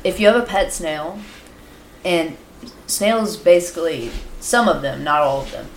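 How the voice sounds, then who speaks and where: A woman's voice: lowish voice, lively intonation, measured pace, slight background noise. A woman co-hosting a podcast in casual chat, explaining things earnestly. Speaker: podcast co-host. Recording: echoey room.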